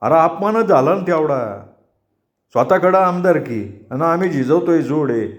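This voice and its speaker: Drunk middle-aged party worker, ranting, rustic, self-pitying, somewhat high voice, voiced by a man. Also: animated, a little slow. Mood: indignant.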